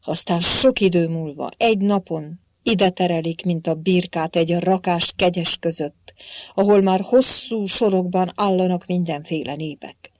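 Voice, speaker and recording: A woman reading as a defiant, blustering old Hungarian warrior-king saint, speaking loudly in archaic phrases. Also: on the low side, no room sound, studio quality, natural voice. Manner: loud, blustering, archaic speech.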